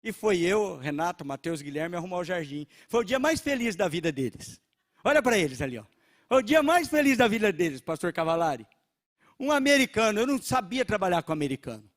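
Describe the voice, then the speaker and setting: A man's voice: high voice, fairly quick. A middle-aged man from Brazil, a pastor telling a testimony in a sermon, acting out the dialogue as he goes. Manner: animated storytelling, acting out dialogue.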